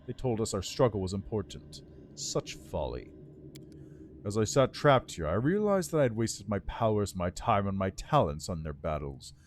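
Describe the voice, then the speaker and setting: A man's voice: on the low side, a little mellow, slight background noise, voice pushed down. A man voicing an ancient undead lich from a game, with a dry voice and a pompous, scornful, formal manner. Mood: bitter, scornful. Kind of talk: voiced reading of game dialogue.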